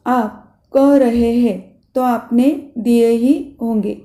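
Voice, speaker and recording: A woman's voice: on the high side, steady tone, slow, mellow. A woman reading as a meek tearful governess. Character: timid frightened young female governess. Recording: echoey room.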